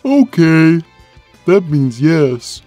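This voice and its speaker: A low, mellow voice for a huge, gentle male cartoon cat, performed by a woman. He talks slowly and plainly, placid and deadpan in a simple-minded way. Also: faint music behind, full character voice. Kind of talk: animated character Q&A, fan dub.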